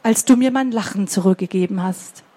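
Woman voicing a gentle, soft-spoken unicorn. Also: mid-range voice, a little fast, pitched below the performer's own voice, lightly acted. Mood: tender.

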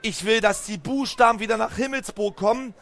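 A man telling a lively story to children, speaking straight to them and asking them questions. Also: high voice, brisk. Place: book fair stand.

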